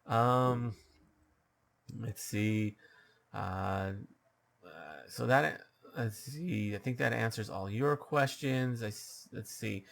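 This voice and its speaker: Lowish and creaky, a man's slightly scratchy voice delivers spontaneous advice from a dungeon master's perspective. The monologue is unscripted and halting, peppered with ums, uhs and restarts.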